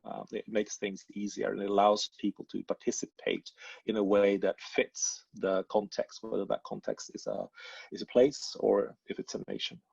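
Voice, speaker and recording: A man's voice: on the low side, lively intonation, moderate pace, vocal fry, darkish tone, breathy edge, dry recording. A man from Sweden answering questions on a webinar panel, hesitant, with many restarts. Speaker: panel speaker, design strategist. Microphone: video call. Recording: muffled video call audio.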